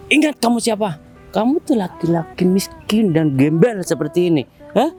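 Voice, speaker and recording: A man playing a brash, jealous young rival. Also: a little high. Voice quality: repeated challenging "hah?" after lines. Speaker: rival suitor. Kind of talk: low-budget web drama acting.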